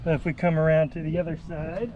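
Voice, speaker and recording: Phone-quality sound carries a man's fairly high, level voice moving at a quick pace. He's a vehicle installer doing an informal, unscripted how-to walkthrough, thinking out loud as he works, while vehicle noise fills the background.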